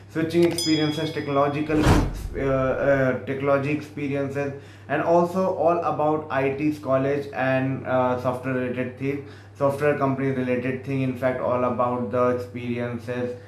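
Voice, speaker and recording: A man's voice: mid-range voice, slight background noise. Rambling Indian English man, roomy echo. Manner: rambling, repeats himself, mixes in Hindi phrases. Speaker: career vlogger. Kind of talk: casual career advice monologue. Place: small office room with posters, indoors.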